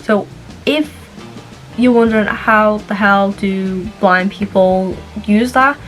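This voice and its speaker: A woman's voice: medium pitch, steady tone, slow, a bit bright. A young woman giving a casual tutorial in an informal, chatty way, with asides. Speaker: vlogger. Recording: music playing behind the voice. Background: background music.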